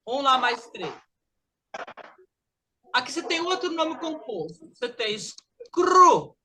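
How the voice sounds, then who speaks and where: In a noisy setting, a high-voiced woman with a Brazilian Portuguese accent runs a lively English pronunciation class. She says words slowly for her students to echo back.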